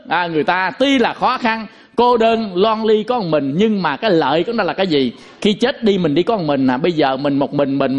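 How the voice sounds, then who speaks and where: A man whose voice sits high for a man gives a Buddhist Dharma talk to a lay congregation. Folksy and animated, he keeps checking in with listeners through rhetorical questions, and humorous asides lighten the lesson.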